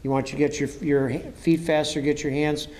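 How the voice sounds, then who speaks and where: A man working as an interviewer and coach, talking conversationally and enthusiastically, often halting and repeating words for emphasis. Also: on the high side, little pitch movement, darkish tone.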